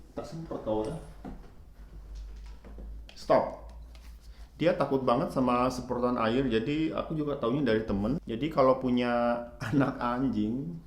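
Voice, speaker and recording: A man casually telling a rambling story, with many fillers, as he vlogs. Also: mid-range voice. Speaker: vlogger; hotel employee. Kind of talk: casual chat. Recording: echoey room.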